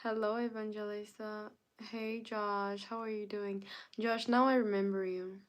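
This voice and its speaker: A young Canadian livestreamer hosts a relaxed stream in a mid-range voice, talking at an unhurried, drawn-out pace. She greets viewers one by one and answers their chat comments in an easygoing, conversational manner.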